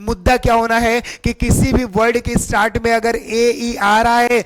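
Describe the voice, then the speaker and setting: A man's voice: extremely high pitch, flat delivery, moderate pace, faint music behind. A man teaching English pronunciation in an online class. He talks in a sing-song way and keeps asking questions and answering them himself. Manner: sing-song, repeats questions back to students.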